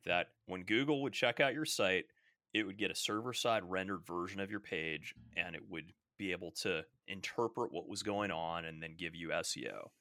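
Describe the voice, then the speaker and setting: A man's voice: deep voice, moderate pace, sharp tone, dry recording, clean studio sound. A man co-hosting a casual tech podcast, talking loosely with lots of fillers and asking his co-host to explain. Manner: casual, filler-heavy, questioning.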